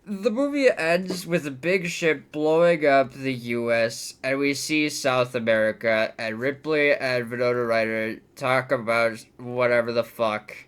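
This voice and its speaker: Slow, profane, exasperated male movie ranter. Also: mid-range voice, fairly bright tone, smooth. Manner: profane, exasperated, with swings between outbursts and mutters. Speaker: movie reviewer. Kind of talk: ranting movie commentary.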